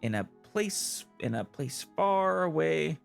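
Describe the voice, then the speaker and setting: A man's voice: on the high side, lively intonation, slow, creaky, pitched above the performer's own voice, full character voice. A man voicing Paimon, a tiny talkative female fairy companion, telling a story in a sing-song way over game music. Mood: storytelling.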